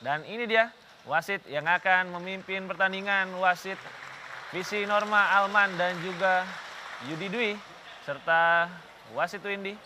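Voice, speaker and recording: High-voiced male futsal commentator over hall noise. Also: steady tone, unhurried, long pauses, bright, forceful tone. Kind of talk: live TV sports commentary. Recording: clear venue noise behind commentary.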